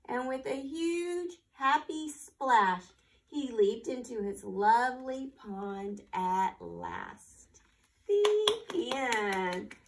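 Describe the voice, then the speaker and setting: Far from the mic, a woman leads a children's library storytime, reading aloud and offering little ones simple instructions and questions. Her fairly high voice swings widely in pitch and moves extremely slowly. Audio quality is poor, with a little hiss or hum.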